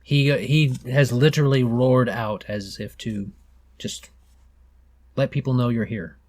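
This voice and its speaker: A man's voice: mid-range voice, fairly even intonation, unhurried, darkish tone. A man acting as game master, casually refereeing a tabletop game.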